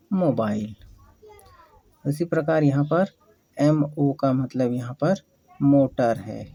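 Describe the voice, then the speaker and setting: Teacher, slow and patient, dry close sound, asks then answers. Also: medium pitch, dark tone, husky, dry recording, low-quality recording. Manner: patient, repeats questions and answers. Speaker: English teacher. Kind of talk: slow spelling-out lesson.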